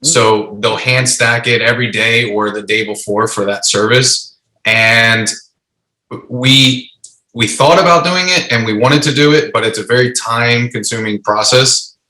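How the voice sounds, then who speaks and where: Bright, forceful male voice in an echoey room. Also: mid-range voice, a little slow. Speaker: food truck co-owner. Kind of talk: casual interview answers.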